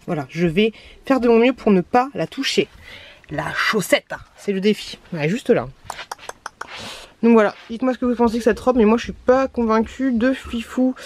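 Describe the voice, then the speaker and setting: A woman's voice: medium pitch, a little mellow. Chatty woman vlogging at home. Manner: chatty, grumbling, often drops to a half-whisper. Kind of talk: casual vlog chat to camera.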